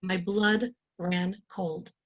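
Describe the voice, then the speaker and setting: A woman's voice: lowish voice, steady tone, very slow, highs cut off. A woman, a Yiddish teacher, reading a short story aloud line by line with translations. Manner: reads each line then translates it.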